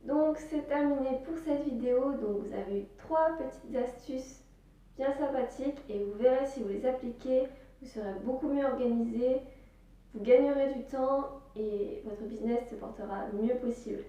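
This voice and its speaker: A woman's voice: high voice, moderate pace, dark tone. Chatty woman vlogger in an echoey room. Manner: chatty, with many fillers like "voilà" and "hop". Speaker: business vlogger. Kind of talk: casual advice vlog. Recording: very echoey room, distant mic.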